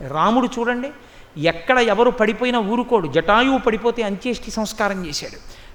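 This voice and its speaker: A man delivers a devotional discourse in a declaiming manner, breaking into chanted verses between retold dialogue. His voice sits high and rings bright. The sound carries a long hall reverb. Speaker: religious discourse speaker.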